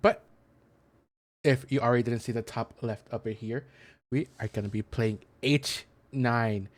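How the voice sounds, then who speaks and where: A gaming content creator with a mid-range voice does casual let's-play commentary into a close mic, explaining things in a hesitant, rambling way. He's unhurried, and the recording is dry.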